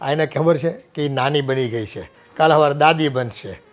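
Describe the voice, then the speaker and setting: A man's voice: a little high, moderate pace. An older man with a Gujarati accent playing a father-in-law in a family film, easygoing and teasing.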